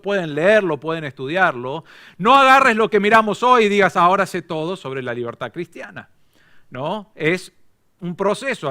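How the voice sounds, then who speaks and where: A man's voice: high voice, bright, forceful tone. A male pastor with an Argentine accent giving a conversational sermon and telling a story. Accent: Argentine Spanish.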